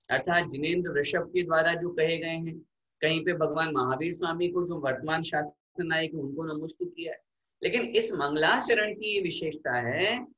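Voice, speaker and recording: A man teaching a scripture lesson, explaining slowly and leading recitation of verses. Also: fairly high pitch, fairly bright tone, reverberant, lo-fi sound. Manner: slow, explanatory, leads chanting of verses. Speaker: religious teacher.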